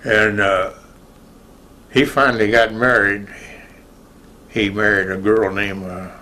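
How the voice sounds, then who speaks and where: An older American man casually recalling his life for an oral history interview, in a rambling, halting way with pauses to remember. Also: on the low side, fairly even intonation, sharp tone. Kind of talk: casual spoken reminiscence.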